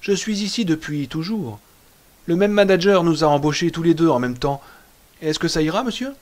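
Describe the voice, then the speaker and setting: A man puts on a storybook waiter who stays perfectly calm and courteous. His speech is formal and quiet, a touch high in pitch. The politeness never cracks, and that is what makes him unsettling. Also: normal speed, natural voice. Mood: politely eerie. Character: soft-spoken, eerily polite male hotel waiter.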